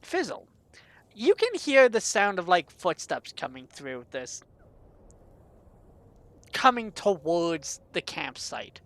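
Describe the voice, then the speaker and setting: A woman's voice: fairly low pitch, sing-song, slow pace, long pauses, a bit bright, no echo. A woman narrating as dungeon master, chatty and loose, with frequent laughs and fillers. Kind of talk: narrating a tabletop game.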